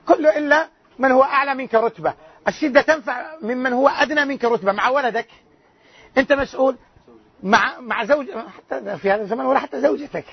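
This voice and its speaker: A loud-voiced man teaching a religious lesson as a sheikh, quizzing his listeners with rhetorical questions. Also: extremely high pitch, breathy edge. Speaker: sheikh teaching a hadith class. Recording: dull lo-fi lecture recording.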